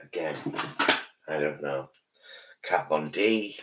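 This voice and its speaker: Deep-voiced campy British man in his fifties. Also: takes it slowly, lo-fi sound. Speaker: drag queen streamer. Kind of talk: casual live makeup chat, thinking aloud. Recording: roomy, distant, noisy background.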